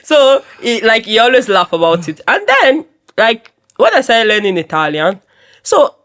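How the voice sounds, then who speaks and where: Nigerian woman, podcast guest, high voice, laughs through her stories, slips into Pidgin. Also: moderate pace. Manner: laughing, animated, mixes in Pidgin. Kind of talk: casual interview.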